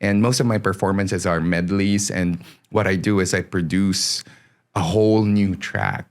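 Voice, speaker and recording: A man's voice: deep voice, fairly even intonation, unhurried. A man from the Philippines, a singer-songwriter guest on a podcast, talking in a chatty, laughing way with lots of fillers. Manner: chatty, laughs often, many fillers and restarts. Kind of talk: casual interview chat.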